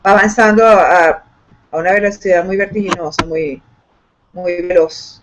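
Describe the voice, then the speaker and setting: A woman's voice: fairly low pitch, fairly even intonation, normal speed, slight background noise. A woman teacher speaking in an online class, hesitant with many fillers and restarts, over a video call microphone. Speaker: computer science teacher. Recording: dull lo-fi call audio.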